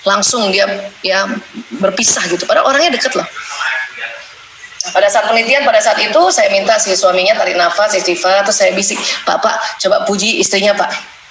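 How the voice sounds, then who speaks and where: A middle-aged woman giving a playful religious marriage talk to women, acting out little prayers and dialogues. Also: fairly high pitch. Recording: echoey room with loud background noise.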